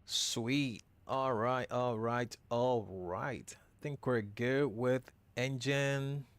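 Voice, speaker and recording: A man streams a flight simulator with casual, off-the-cuff commentary. His voice sits at a middle pitch as he talks himself through cockpit tasks in an informal way. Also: extremely slow, smooth, no room sound. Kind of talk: casual live gaming commentary.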